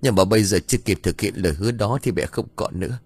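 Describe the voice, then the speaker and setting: A man's voice: lowish voice, fast, darkish tone, husky, no echo. A man voicing an earnest young eldest son who pleads with his grieving father. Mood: earnest pleading.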